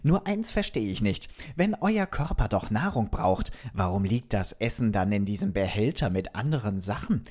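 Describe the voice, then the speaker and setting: Speaking at a moderate pace with few pauses, a lowish-voiced man portrays a friendly, curious alien robot. He tells the kids a story, lively and direct, putting questions to them.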